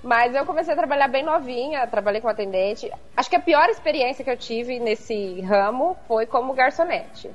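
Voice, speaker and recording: A woman guest influencer in a casual interview, relaxed and self-deprecating, laughing often. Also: on the high side, normal speed, few pauses, highs cut off.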